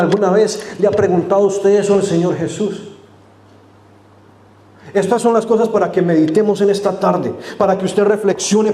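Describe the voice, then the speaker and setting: A man preaching a sermon in a church, speaking earnestly to the congregation and dropping to a hush for quoted lines. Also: high-pitched. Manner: earnest, addressing the congregation directly; dramatic drops to a hushed voice for quotes. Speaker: pastor. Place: church sanctuary. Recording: echoey church room.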